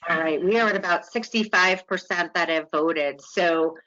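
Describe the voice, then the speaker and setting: Speaking at a normal speed in a fairly low, sharp voice, a woman from New York presents a webinar lecture online. She keeps it chatty and welcoming, laughing a little, and the call audio is dull and lo-fi.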